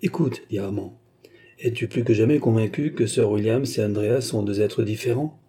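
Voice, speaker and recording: A man voicing a resolute young nobleman, urgent and suspicious, in an audiobook reading with a dark, husky voice. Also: on the low side, moderate pace. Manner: urgent, emphatic. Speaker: character in a read novel.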